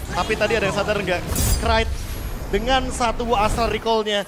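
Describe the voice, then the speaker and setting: Male esports analyst, brisk high-voiced live commentary with music behind. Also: steady tone, crowd noise.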